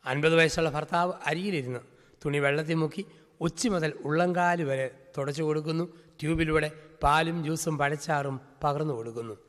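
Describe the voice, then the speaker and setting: A male priest delivers a storytelling sermon in a fairly high voice, stacking up vivid scenes in rhythmic lists. His words ring out with a long reverberant tail, as if recorded in a large hall. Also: normal speed, a bit bright.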